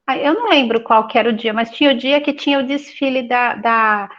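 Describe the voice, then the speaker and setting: Woman, middle-aged, lively storyteller, slightly high voice, muffled lo-fi sound. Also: fairly quick. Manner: chatty, animated, acts out dialogue. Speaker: Bible class participant. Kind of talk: casual storytelling.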